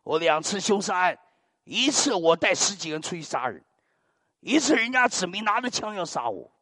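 A man's voice: high voice, moderate pace, dry recording, studio quality. An older man preaching a sermon, telling dramatic stories and muttering hallelujahs between lines. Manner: animated, dramatic storytelling peppered with muttered hallelujahs.

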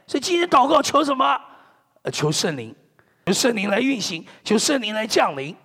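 A middle-aged man from China, a pastor preaching a sermon in an animated, joking way, dropping in amen and hallelujah often. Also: very high voice, moderate pace, vocal fry, slightly rough, in a large hall.

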